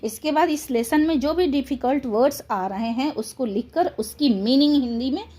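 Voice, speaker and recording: A woman teaching a lesson to students. She reads each English line slowly, then explains it line by line. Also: sits high, dark tone.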